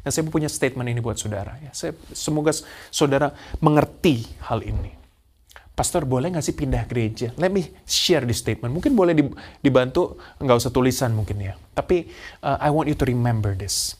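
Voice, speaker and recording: A man's voice: mid-range voice, brisk, breathy edge. A male pastor preaching a sermon, mixing English phrases into his talk and driving points home with repetition, amens and hallelujahs. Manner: mixes English phrases into preaching, calls congregation "saudara"; energetic, emphatic repetition with amen and hallelujah.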